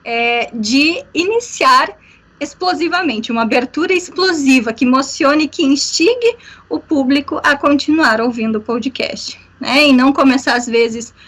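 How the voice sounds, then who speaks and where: A woman teaches a workshop over a video call. Her voice sits high, and she explains things patiently, dotting her sentences with fillers and a questioning "né?". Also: animated, unhurried, fairly bright tone. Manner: explanatory, many fillers, frequent "né?". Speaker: workshop instructor. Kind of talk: online workshop lecture.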